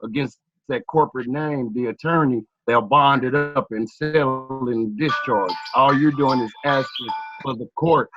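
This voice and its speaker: A man explaining things slowly on a group call, with halting restarts, and his line keeps cutting out. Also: medium pitch, dull audio, over music. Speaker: caller.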